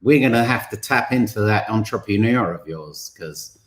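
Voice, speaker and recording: A man's voice: lowish voice, animated, normal speed. A man hosting an informal interview, chatting and bantering as he asks questions. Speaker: interview host. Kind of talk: casual conversational interviewing.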